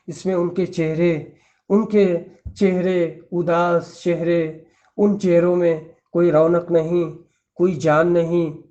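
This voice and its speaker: Male preacher, high voice, earnest, admonishing, numbered points, dull lo-fi recording. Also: dark tone. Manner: earnest, admonishing, repeats lists. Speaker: Islamic preacher. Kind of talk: religious lecture in numbered points.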